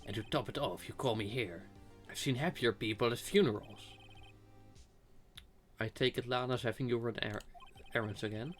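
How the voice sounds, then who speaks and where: A blustery, put-upon police detective, acted out by a man reading game dialogue, grumbles his way through each line in a gruff manner. His pitch is middling, and music plays behind him. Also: normal speed, a bit bright, close to an everyday voice. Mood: grumbling. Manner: grumbling, calls people pal. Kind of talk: amateur voice-acting of video game dialogue.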